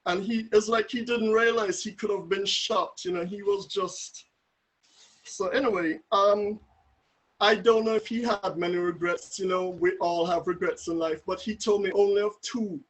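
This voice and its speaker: A man's voice: sits high, steady tone, moderate pace, a bit bright, rough recording. A man with a Jamaican accent telling a vivid family story at a memorial, over a video call. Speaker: family member giving a tribute.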